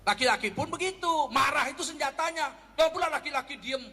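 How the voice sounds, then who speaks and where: A man from North Sumatra giving a humorous Islamic lecture, animated and acting out everyday quarrels. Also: extremely high pitch, fast, long reverb tail. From North Sumatra, Indonesia. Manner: animated, acts out quarrels in a raised voice. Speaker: Islamic preacher.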